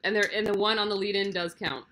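A woman with a hoarse voice hosting a livestream, chatting casually about race plans with rambling side remarks. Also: mid-range voice, fairly even intonation, quick pace, background noise. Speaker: livestream host of a cycling race team.

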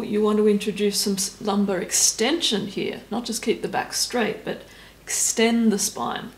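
A woman stretching instructor giving calm, step-by-step cues and counting down holds. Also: medium pitch, echoey room, rough recording. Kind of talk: guided exercise instruction.

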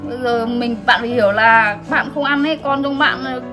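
A woman's voice: fairly high pitch, fairly quick, natural voice. A woman playing a young friend who persistently coaxes a grieving pregnant woman to eat, in an amateur family skit. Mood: coaxing. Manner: coaxing, persistent. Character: coaxing young female friend. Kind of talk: amateur drama acting. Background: loud background music.

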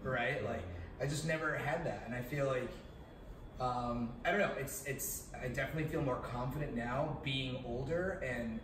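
A man's voice: mid-range voice, normal speed. A man in his thirties talking reflectively in a casual chat among friends, with many fillers and restarts. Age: 30s. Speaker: guest in a friends' discussion. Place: living room. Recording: echoey room, distant mic, background hum.

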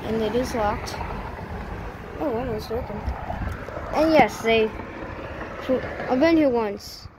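Woman vlogger with a high voice, casual walk-and-talk, keeps exclaiming in disbelief; phone mic with clear outdoor noise. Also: takes it slowly, pauses often. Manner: astonished exclamations, repeats herself. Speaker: vlogger exploring abandoned buildings. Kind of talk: casual walkthrough narration. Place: outdoors by a roadside and inside an empty shop. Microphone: phone camera held while walking.

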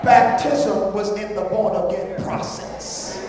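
A man preaching a sermon, prompting a scripture reader and rising into shouted, sing-song emphasis. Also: high voice, steady tone, takes it slowly. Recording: echoey hall from far off.

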